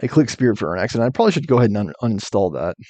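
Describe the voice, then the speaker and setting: A man's voice: on the low side, very animated, racing, a little mellow, no echo. A man streaming a game, chatting casually and thinking aloud between bits of reading. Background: music.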